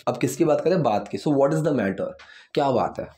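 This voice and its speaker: A Hindi-speaking man with an Indian English accent teaches English grammar in a relaxed, mellow voice. He works through each rule patiently, asking a question and answering it himself. He stretches out every English example sentence slowly so learners can follow. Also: medium pitch. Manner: asks himself rhetorical questions and then answers them. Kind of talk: explaining grammar step by step.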